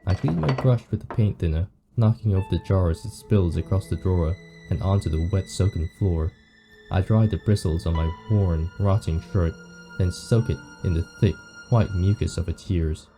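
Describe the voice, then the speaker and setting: A man reading the lines of a weary, morbid undead painter from a visual novel, slowly and somberly. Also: low voice, over music. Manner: slow, somber reading of game text.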